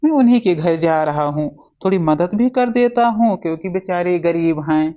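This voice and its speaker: A woman voicing a kindly older father-in-law in a cartoon family story, calm and plain-spoken. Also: fairly low pitch, moderate pace, lo-fi sound, natural voice.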